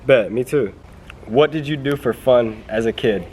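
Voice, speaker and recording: A man's voice: medium pitch, normal speed, darkish tone, a little hiss or hum. A young American man in an informal, slangy chat, asking questions as the interviewer. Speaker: grandson interviewing his grandfather. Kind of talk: casual chat.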